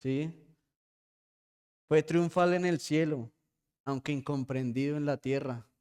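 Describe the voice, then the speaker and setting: A male pastor delivers a sermon to his church, speaking in a somewhat high register. His voice is smooth and resonant. He keeps pausing to ask the congregation a quick "yes?" and addresses them as brothers. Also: darkish tone. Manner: preaching with frequent rhetorical "¿sí?" checks.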